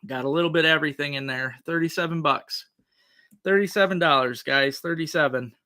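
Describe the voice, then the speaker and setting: Bright-voiced man calling casual auction bids. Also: a little high, brisk. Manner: folksy, repeating current bid like an auctioneer. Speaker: livestream host and auctioneer. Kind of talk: casual livestream auction with repeated bid calls.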